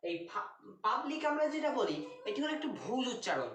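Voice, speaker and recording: Woman teaching with a lively voice. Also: mid-range voice. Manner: patient, drawn-out, writing as she talks. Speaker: English pronunciation teacher. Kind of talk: explanatory lesson at a board. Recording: roomy, distant, faint noise.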